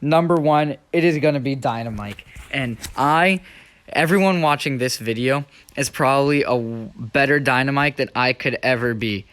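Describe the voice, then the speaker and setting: A man's voice: medium pitch, normal speed, a bit bright. A man giving casual, chatty, self-deprecating listicle countdown commentary over video gameplay as the host.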